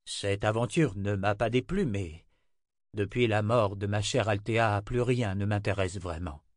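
A tired old border guard, worn down by loss, speaks slowly and quietly in a storybook reading, as a male narrator puts him on. His tone is resigned and low-key. The recording is close and dry. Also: no echo, natural voice. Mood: weary. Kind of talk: audiobook character reading.

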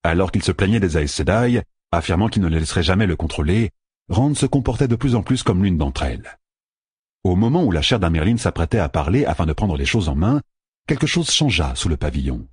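A man narrates a fantasy audiobook in expressive storytelling, often dropping low for suspense. His voice is low and husky, with a lively rise and fall. The recording is dry and close. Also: brisk, no echo.

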